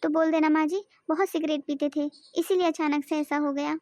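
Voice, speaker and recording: A woman voicing a young, scheming daughter-in-law in a cartoon, bossy and quick-witted. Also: high voice, steady tone, darkish tone, dry recording, studio quality, natural voice. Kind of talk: cartoon voice acting.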